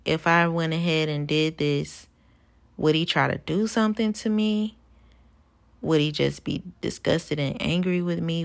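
A woman's voice: low voice, gravelly, a bit bright. A woman hosting a podcast, telling a personal story in a candid, rambling way with lots of "you know" and "like". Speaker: podcast host.

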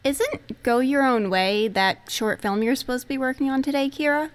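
A woman playing an excitable, playful young woman who teases others and gets thrilled easily. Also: high-pitched, normal speed, lightly acted. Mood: teasing. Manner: bubbly, teasing, easily thrilled.

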